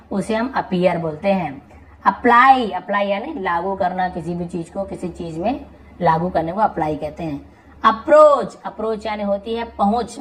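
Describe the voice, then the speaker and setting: A woman tutor teaching English vocabulary in Hindi. She calls out each word loudly and then explains it patiently in a lower voice. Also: rough recording.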